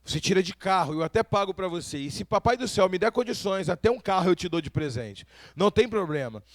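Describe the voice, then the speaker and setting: Man, pastor, sermon, high-pitched, dry sound, questions to the congregation. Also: lively intonation, fast, no room sound. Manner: preaching with rhetorical questions to the congregation.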